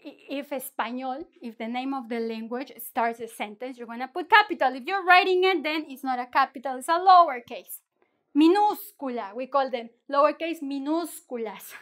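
Bright, unhurried woman teaching Spanish. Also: high-pitched. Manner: playful, animated, drawn-out syllables for practice. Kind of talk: bilingual language lesson.

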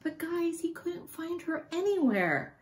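A woman with a high, bright voice reads a children's picture book aloud as a storyteller for children. Her delivery is animated and sing-song, and she often stops to quiz her young listener.

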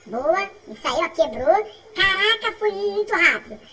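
A woman with a Brazilian Portuguese accent giving excitable, chatty commentary on a mobile game, repeating herself and breaking into laughs and shouts. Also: very high-pitched, normal speed, recorded from a distance. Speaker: gaming channel host.

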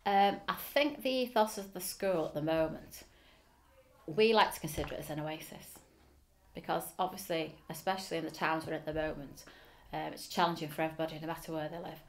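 A middle-aged woman with a Liverpool accent and a low voice speaks briskly and earnestly, saying "um" often. She's giving an oral history interview in a school office, seated and facing the camera.

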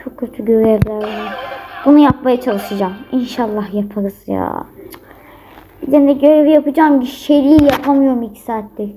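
A woman's voice: on the high side, moderate pace, warm tone. A young woman giving casual commentary on her own gameplay, often frustrated and exclaiming at her teammates. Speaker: gamer. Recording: noisy home recording.

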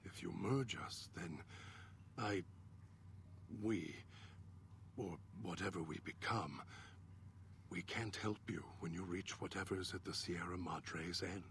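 An actor voicing a cold, controlling mutant alter ego in a video game, speaking in calm, cutting, articulate sentences. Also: male voice, deep voice, slow pace, pauses often, a little hiss or hum, exaggerated voice. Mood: menacing.

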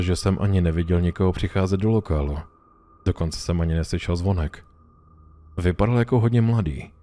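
A man reading a horror story aloud in a calm, measured storytelling voice. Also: low voice. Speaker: narrator. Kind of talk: scripted horror story narration.

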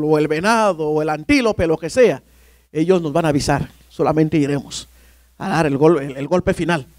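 A male pastor telling a lively personal story during a sermon, often calling listeners "brother". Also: sits high, creaky, no room sound. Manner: animated storyteller, often addressing "hermano".

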